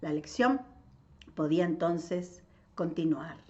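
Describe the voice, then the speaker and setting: A woman's voice: sits low, expressive, takes it slowly, dark tone. Argentine woman reading a novel aloud. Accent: Argentine Spanish. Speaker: literature reader. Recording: dull lo-fi audio.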